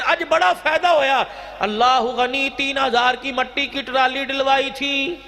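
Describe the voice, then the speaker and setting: A man with a very high-pitched, sharp voice delivers an impassioned Islamic sermon, declaiming and stretching phrases into a chant. A long hall reverb surrounds him, with a music-like sound in the background.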